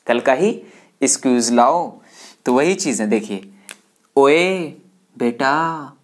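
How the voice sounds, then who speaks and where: Man, biology teacher, lecture style, repeats key terms, drills students. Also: mid-range voice. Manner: repetitive, drills terms, calls students 'beta'; mixes English terms into speech. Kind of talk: classroom lecture.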